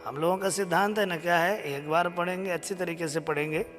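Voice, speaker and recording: A man teaching viewers to recite a devotional hymn, who chants each verse slowly and then coaxes them to repeat it after him. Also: sits high, fairly even intonation, fairly bright tone, long reverb tail, faint music behind. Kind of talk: live stream chanting lesson.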